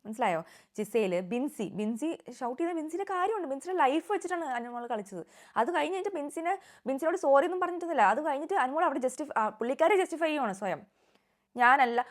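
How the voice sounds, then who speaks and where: Young woman, vlog reviewer; rapid, opinionated, drops English words in. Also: sits high. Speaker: reality show reviewer. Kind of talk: casual vlog commentary.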